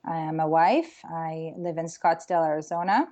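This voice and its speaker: Woman from Israel, middle-aged, slightly low voice, thoughtful interview talk, pauses to find words. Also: highs cut off. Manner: warm, reflective, with frequent ums and restarts. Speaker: career coach, guest.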